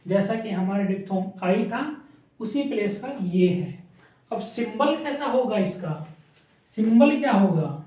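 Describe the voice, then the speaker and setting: A man's voice: high-pitched, lively intonation, unhurried, dark tone. A man teaching a shorthand lesson, repeating sounds aloud as he draws strokes. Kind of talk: classroom lesson. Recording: echoey room from a distant mic, dull.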